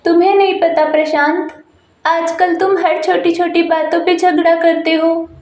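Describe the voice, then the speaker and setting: A woman's voice: very high-pitched, unhurried. A woman voicing a patient but troubled young married woman, in an echoey room. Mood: reasoning. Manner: evasive, then calmly reasoning. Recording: roomy echo.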